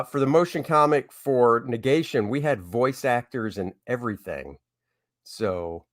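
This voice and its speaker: A comic artist hosts an art livestream, chatting casually and rambling easily while reading and answering his viewers' chat. His mid-range voice is recorded at studio quality with no echo.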